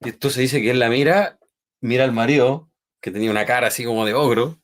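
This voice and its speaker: Man, podcast host, lively storyteller, mid-pitched voice. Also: quick pace. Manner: animated retelling with checking questions. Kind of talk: storytelling in a faith discussion.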